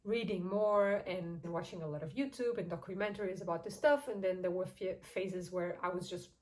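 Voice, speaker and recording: A woman's voice: lowish voice, steady tone, moderate pace, low-quality recording. Chatty young Portuguese woman vlogger. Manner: chatty and candid, with frequent soft laughs. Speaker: YouTube channel host. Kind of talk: casual personal storytelling to camera.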